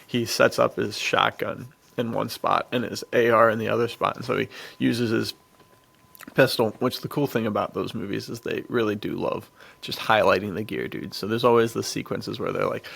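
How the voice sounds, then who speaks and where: With a lowish, gravelly voice that's fairly bright and a touch breathy, this podcast co-host keeps a steady tone at moderate speed. He chats casually and excitedly about action movies, wandering off topic and chuckling a lot.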